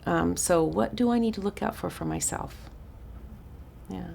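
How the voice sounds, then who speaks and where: A woman with a raspy voice teaching a counseling workshop in a chatty, informal way, often restarting her sentences. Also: lowish voice, measured pace. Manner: chatty, warm-hearted asides with frequent restarts and fillers. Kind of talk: informal teaching talk to a small group.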